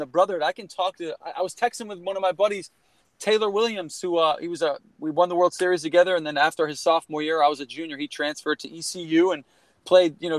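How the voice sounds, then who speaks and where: The podcast guest, a roughly forty-year-old ex-college baseball player from Connecticut, rambles earnestly through his story, repeatedly returning with "you know." He sounds somewhat high-pitched for a man, recorded close and dry without any room sound.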